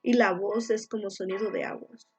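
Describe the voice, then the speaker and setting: Husky woman preaching with emphatic repetition. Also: medium pitch, steady tone, normal speed, darkish tone. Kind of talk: devotional sermon. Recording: dull lo-fi recording with faint music.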